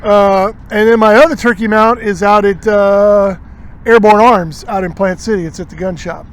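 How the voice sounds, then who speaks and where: High-voiced man telling hunting stories. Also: moderate pace. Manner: rambling, animated storyteller acting out quotes. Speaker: outdoors show host. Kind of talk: casual storytelling chat. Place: outdoors at a marina.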